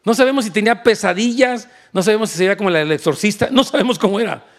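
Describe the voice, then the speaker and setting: A male pastor preaching an animated sermon, switching into English and asking for amens. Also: high-pitched, rapid-fire. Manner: animated, switches into English, asks the crowd for amen.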